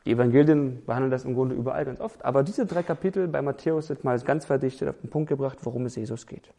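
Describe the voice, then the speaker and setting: A man preaching a sermon in a dark, gravelly voice. He speaks with emphasis and strings words into lists. He drives his points home with rhetorical questions. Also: medium pitch, fast.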